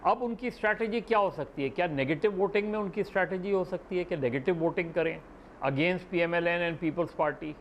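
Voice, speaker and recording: A man giving deliberate, hedged political analysis as a talk show guest, thinking aloud as he speaks. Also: high voice, dull audio, a little hiss or hum.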